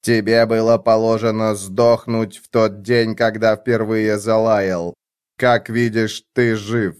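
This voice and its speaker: A man's voice: fairly low pitch, clear, resonant tone. A man playing a cold dispassionate overseer. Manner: flat, unhurried, emotionless. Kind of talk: audiobook character voice.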